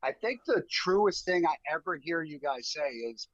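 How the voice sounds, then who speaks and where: A man guesting on a podcast, telling stories casually in an animated, emphatic way, often repeating words. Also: on the high side, moderate pace, no echo, lo-fi sound. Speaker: guest, bear hunting guide. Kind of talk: casual storytelling.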